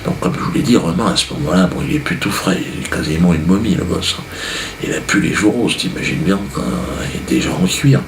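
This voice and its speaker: A man's voice: low-pitched, a little fast, echoey room, noisy background. A man doing a rambling, sardonic comedy monologue, full of fillers and asides. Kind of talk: stand-up monologue.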